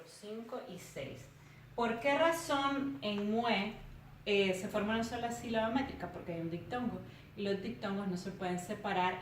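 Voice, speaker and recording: A woman teacher giving a recorded tutorial lesson, explaining carefully and counting out syllables slowly. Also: mid-range voice, slight background noise. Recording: roomy, distant from the mic.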